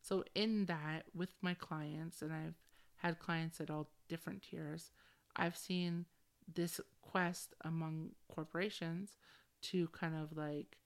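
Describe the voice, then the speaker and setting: Chilled, low-pitched woman with creaky valley-girl touches. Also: steady tone, slow. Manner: chilled, slangy, conversational; valley-girl style with frequent "like". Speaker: podcast host. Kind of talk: casual, candid solo podcast talk.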